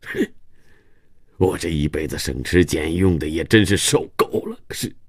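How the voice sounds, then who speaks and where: A man playing a stern, grumbling old grandfather in a spoken story, talking low and scolding. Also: moderate pace, husky, no room sound, studio quality, full character voice.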